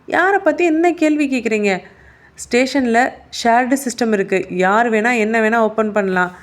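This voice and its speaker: A woman's voice: medium pitch, moderate pace, a little mellow, natural voice. A woman voicing an evasive, indignant male police officer who is under suspicion.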